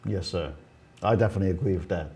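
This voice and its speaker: A man's voice: sits low, quick pace, warm tone, husky. A man in his seventies, born in Hong Kong, hosting a talk show and telling a personal story earnestly, with many "you know"s and "uh"s. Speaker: host. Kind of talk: casual chat. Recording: community access TV studio.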